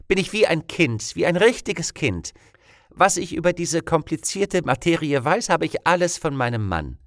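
A man voicing a cheerful, chatty old woman schoolteacher who flatters and beams, in a story reading. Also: on the high side, normal speed, no echo, clean studio sound, pitched above the performer's own voice. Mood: beaming. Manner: bright chirpy raised voice.

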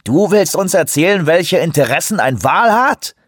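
A man voicing a huge, furious male eco-activist who shouts, scorns and preaches. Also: sits high, sing-song, normal speed, breathy edge, no echo, clean studio sound, pitched above the performer's own voice, exaggerated voice. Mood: mocking.

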